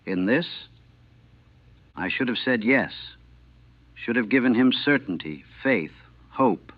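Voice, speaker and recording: A man, a former army chaplain from the United States, recalling the war in a grave, measured and haunted way, heard on an old archival recording. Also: medium pitch, lively intonation, dry recording. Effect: old archival recording, narrow and tinny. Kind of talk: solemn first-person recollection. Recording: tinny, dry, lo-fi old recording.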